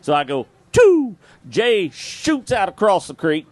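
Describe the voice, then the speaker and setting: Man, outdoors radio host, animated storyteller, laughs a lot, sound effects, lively pitch. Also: measured pace, no room sound. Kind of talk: live storytelling to an audience. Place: live event at a bar.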